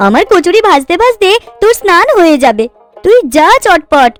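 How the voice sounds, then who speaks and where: Music runs under this Bengali cartoon voice acting, where a woman voices an affectionate village woman in a fairy tale. She fusses, coaxes and dotes in a very high voice with big swings in pitch, keeping a moderate pace.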